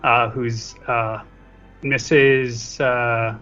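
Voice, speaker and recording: The guest co-reviewer delivers his joking, self-deprecating film talk extremely slowly, in a flat, sharp, medium-pitched voice. It's a casual podcast discussion, recorded in dull lo-fi with faint music behind.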